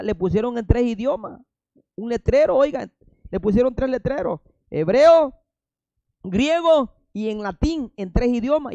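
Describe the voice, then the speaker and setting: A man's voice: sits high, warm tone, no echo, highs cut off. A man preaching a fiery sermon with a Salvadoran Spanish accent, firing rhetorical questions and breaking in with emphatic interjections.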